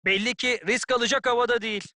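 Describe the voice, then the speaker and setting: An actor playing an opinionated football pundit in a video game, giving analytical colour commentary in full sentences. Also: male voice, extremely high pitch, steady tone, quick pace, bright, forceful tone, dry recording. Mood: assessing.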